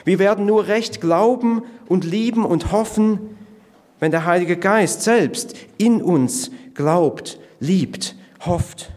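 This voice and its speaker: A man preaching a sermon as pastor, earnest and measured, slowing down to stress key words. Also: high-pitched, darkish tone.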